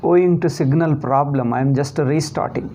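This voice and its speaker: A man's voice: on the high side, normal speed, dark tone, a little hiss or hum. A man with a South Indian accent teaching a scripture lesson online in a didactic, question-and-answer manner. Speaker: teacher of Sanskrit philosophy.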